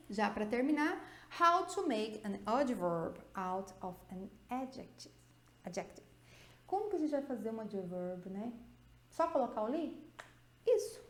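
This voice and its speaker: A woman's voice: fairly high pitch, darkish tone, reverberant. A woman with a Brazilian Portuguese accent who teaches English grammar in a video lesson and explains step by step, often checking in with her students.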